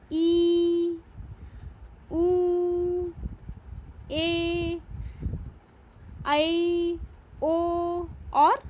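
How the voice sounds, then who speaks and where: A woman's voice: extremely high pitch, slight background noise. A woman teacher giving a patient, step-by-step grammar lesson, explaining and repeating each point. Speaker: school teacher. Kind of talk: slow classroom grammar lesson.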